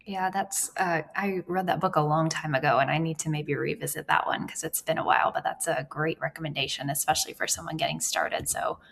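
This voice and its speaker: A woman co-hosts a podcast in a friendly, easygoing manner, her voice a little low. She keeps the chat light and relaxed. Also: a little fast, creaky, hardly any pauses. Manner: friendly, easygoing, laughs along. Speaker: podcast co-host. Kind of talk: casual interview conversation.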